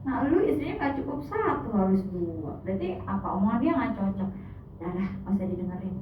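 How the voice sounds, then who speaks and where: A woman giving a casual hypnotherapy lecture, chatty and animated, sometimes acting out soothing instructions to a patient. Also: medium pitch, a little fast, a little hiss or hum. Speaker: hypnotherapy trainer. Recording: echoey room, far mic, tinny lo-fi sound.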